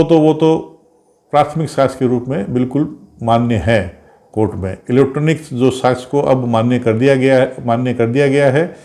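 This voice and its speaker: A man with a medium-pitched, dark voice gives an informal explanatory lecture as a law teacher. He is didactic and repetitive, posing questions and then answering them himself.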